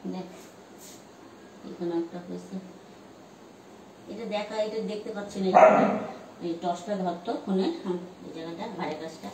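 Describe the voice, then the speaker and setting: A woman's voice: lowish voice, steady tone, normal speed, long pauses, far from the mic. A woman chatting casually while tending to her dogs, coaxing and scolding them as she goes. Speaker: vlogger caring for stray dogs. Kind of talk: casual chat with pets. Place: outdoors with dogs. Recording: roomy, off-mic phone audio with loud background noise.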